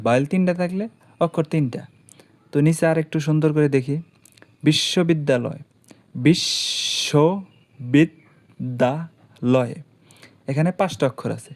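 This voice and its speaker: A man teaching an online lesson, explaining patiently and slowly drawing out syllables as examples. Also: fairly high pitch, mellow.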